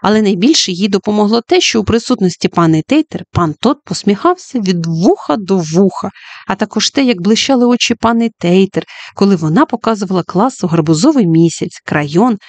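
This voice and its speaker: Lively expressive narrator reading a children's storybook, middle-pitched voice, dead dry close sound. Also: a little fast, no echo. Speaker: audiobook narrator.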